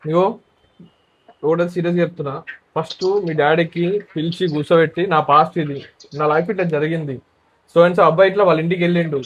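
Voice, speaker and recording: A man's voice: high-pitched, lo-fi sound. A man, pressing and lecturing sternly as he mediates an emotional conversation. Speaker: regular of the show, mediator.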